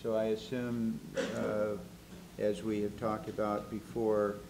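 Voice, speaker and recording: A man questioning staff at a public board meeting into a desk microphone in a large hall, polite and halting with restarts. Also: on the low side, completely flat delivery, gravelly, noisy background. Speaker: board vice chair.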